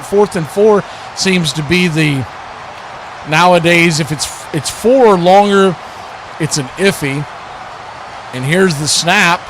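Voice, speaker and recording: A man with a high, fairly bright voice hosts a sports watch party stream, calling live football play-by-play and often rephrasing as the action develops, with crowd noise behind him.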